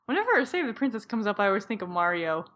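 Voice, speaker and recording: A young woman co-hosting a podcast in casual chat, giggly and excitable, with quick bursts of delight. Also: medium pitch, highs cut off. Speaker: podcast co-host.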